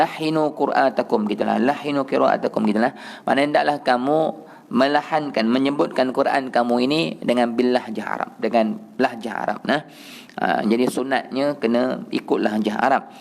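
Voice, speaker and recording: Malaysian male recitation teacher, mid pitch, gravelly edge, alternates plain explanation with slow chanted modeling. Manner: explains pronunciation, then chants the verse slowly as a model. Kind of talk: mosque class on Quran recitation. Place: prayer hall.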